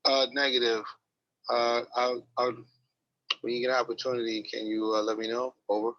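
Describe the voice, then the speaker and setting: A man's voice: medium pitch, flat delivery, normal speed, sharp tone, no room sound. A man calling in to a radio net for a check-in, heard over a two-way radio link and using terse radio procedure speech. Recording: dry lo-fi radio audio.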